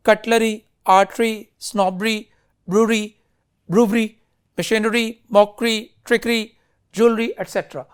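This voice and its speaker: A man's voice: sits high, clear, resonant tone. A man teaching an English spelling lesson. He mixes Urdu and English, calls his students "beta" and keeps checking whether they follow. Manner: slow, deliberate explaining with many spelling examples. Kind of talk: classroom lecture mixing Urdu and English.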